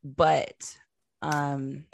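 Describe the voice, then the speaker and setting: Low-voiced woman, casual chat. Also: very slow, vocal fry. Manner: animated storytelling, laughs often. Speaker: co-host showing videos.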